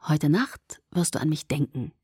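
A woman voicing a persistent, teasing young man in an audiobook, dropping her voice low and soft. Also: moderate pace, slightly rough, no room sound, studio quality. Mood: confident. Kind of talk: audiobook character voice.

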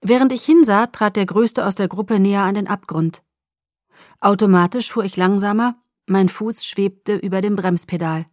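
A woman narrating a novel in the first person with a lively, expressive delivery. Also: mid-range voice, moderate pace, dry recording, clean studio sound. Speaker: audiobook narrator.

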